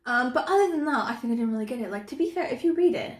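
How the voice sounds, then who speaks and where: A woman's voice: a little high, expressive, very fast, echoey room. An American woman chatting casually about books in very informal speech peppered with filler words. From United States. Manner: informal, frequent "like" and "you know". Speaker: book vlogger.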